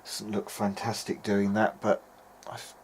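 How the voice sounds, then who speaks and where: A presenter restoring old radios talks a little slowly in a lowish voice, offering casual workbench remarks. He hesitates and thinks aloud as he goes, with clear, constant background noise behind him.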